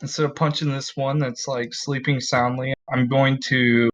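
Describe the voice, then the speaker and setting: A man's voice: mid-range voice, little pitch movement, moderate pace, a bit bright. A man talking casually as a player in a tabletop game. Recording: dull lo-fi sound.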